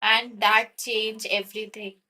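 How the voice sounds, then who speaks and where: A woman's voice: on the high side, little pitch movement, measured pace, pushed and bright. A woman streamer from India with an Indian accent, chatting casually and mixing Hindi and English on a live game stream. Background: game audio.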